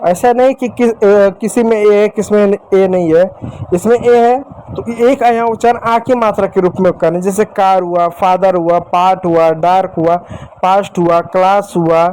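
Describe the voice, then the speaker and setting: High-voiced man teaching to children. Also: darkish tone, a little hiss or hum. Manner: addresses children directly, repeats points, asks questions. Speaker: English teacher. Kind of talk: classroom-style lesson for children.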